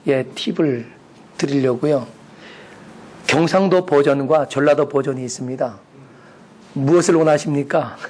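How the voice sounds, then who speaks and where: A man preaching as a pastor, calling out hallelujah and rising for emphasis. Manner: preaching with call-and-response hallelujahs; rises in pitch for emphasis. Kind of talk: sermon.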